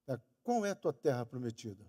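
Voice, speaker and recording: A man's voice: sing-song, a little fast, mellow. A man preaching a sermon with a Brazilian Portuguese accent, emphatic and stretching key words for weight. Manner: emphatic, stretching key words and raising pitch on quoted lines. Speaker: pastor. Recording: long church hall reverb.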